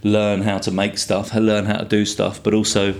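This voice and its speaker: Low-voiced Englishman in his fifties. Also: completely flat delivery, normal speed. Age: 50s. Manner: rambling storyteller, swears freely. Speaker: guest artist. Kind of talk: casual chat.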